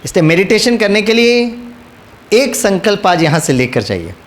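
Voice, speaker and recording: A man's voice: high voice, sing-song, normal speed. A man giving a spiritual talk to an audience, telling stories and coaxing listeners to repeat after him. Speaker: spiritual speaker.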